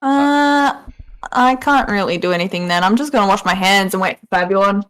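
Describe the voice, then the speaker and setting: A woman's voice: mid-range voice, moderate pace, a bit bright, smooth. Woman casually playing a tabletop game.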